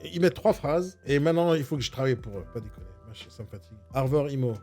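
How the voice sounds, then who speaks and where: Blunt fast-talking man critiquing websites. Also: medium pitch, lively intonation, a little mellow, soft background music. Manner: blunt, exasperated, mocking. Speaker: real estate coach reviewing agency websites. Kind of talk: casual live critique.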